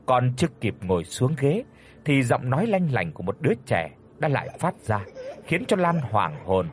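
A man narrating a ghost story in an expressive, dramatic way. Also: medium pitch, normal speed, a little hiss or hum.

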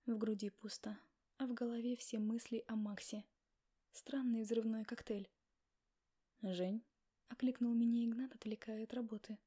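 A woman narrating a first-person novel in a quiet, reflective way. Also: on the high side, flat delivery, moderate pace. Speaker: audiobook reader.

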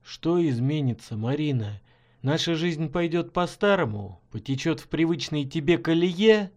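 A man reading an audiobook and voicing a bitter, despairing husband in his thirties who speaks low and slow. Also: expressive, a little mellow. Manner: bitter, weary, contemptuous.

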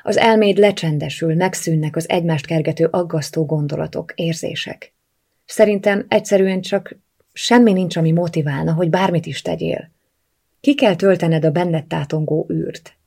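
A woman's voice: on the low side, gravelly, a little mellow, slightly rough. A woman reading an audiobook voices a caring, outspoken young woman friend who talks earnestly and coaxingly. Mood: encouraging.

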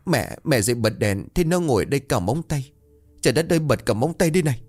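A man's voice: on the low side, expressive, a little fast, darkish tone, faint music behind. A man voicing a frightened old village grandmother who pleads in panic. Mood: panicked.

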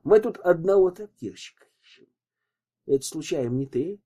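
A brash young street thug sneers and swaggers with every word, as a narrator puts him on. The voice is husky and dark. It is a storybook reading. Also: male voice, fairly high pitch, lively intonation, moderate pace, voice pushed up. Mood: cocky. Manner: cocky, sneering.

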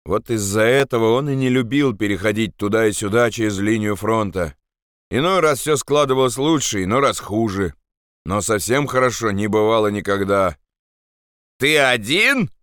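Male audiobook narrator, steady measured reading, crisp clear voice, dry close sound. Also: lowish voice, no echo.

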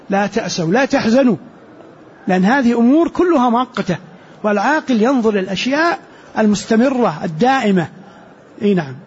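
A man teaching Quran commentary in a lesson, explaining slowly, repeating key phrases and asking rhetorical questions. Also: sits high, slight background noise. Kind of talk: classroom commentary on scripture. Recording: dull lo-fi lecture recording.

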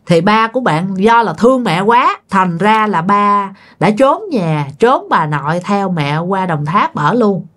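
A woman's voice: mid-range voice, lively intonation, unhurried, hardly any pauses, a bit bright. Chatty Southern Vietnamese woman storyteller. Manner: chatty, addresses listeners directly. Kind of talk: ghost story narration.

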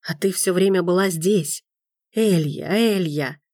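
A woman's voice: a little slow, dry recording, clean studio sound. A woman reading the lines of a bitter, insistent man who turns tender. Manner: low, insistent, softly tender. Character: man, intense, bitter, then tender lover.

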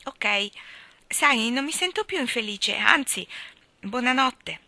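A woman's voice: fairly high pitch, animated, slow, pushed and bright, no echo, pitched above the performer's own voice, full character voice. A woman reading an audiobook, voicing a mischievous, contrite small boy in an emphatic, pleading way. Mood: relieved. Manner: pleading, emphatic childlike delivery.

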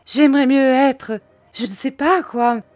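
A woman's voice: high voice, measured pace, dry recording, soft background music, voice pushed up. A woman voicing a gloomy, self-pitying old widow who whines and complains tearfully. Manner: plaintive, whining.

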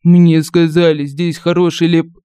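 A woman's voice: deep voice, flat delivery, unhurried, dark tone, clear, resonant tone, no echo. Woman voicing a whiny, gushing male advisor. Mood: whining. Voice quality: whiny, theatrical groaning. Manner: pleading, overly gushing. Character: crafty male royal advisor feigning leprosy. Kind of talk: audiobook character voicing.

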